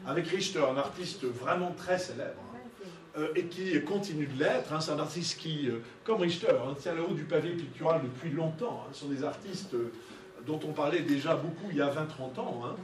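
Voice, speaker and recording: Leading a discussion, an art lecturer gives an interactive, conversational talk scattered with tag questions. His voice is on the high side at a moderate pace, picked up by a distant mic in an echoey room with audience murmur.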